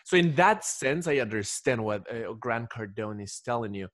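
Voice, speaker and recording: As a guest on a podcast, an Ecuadorian man rambles through casual conversational stories with repeated restarts. He speaks at a moderate pace in a mid-range, slightly bright voice with lively intonation. The studio sound is clean, with no echo.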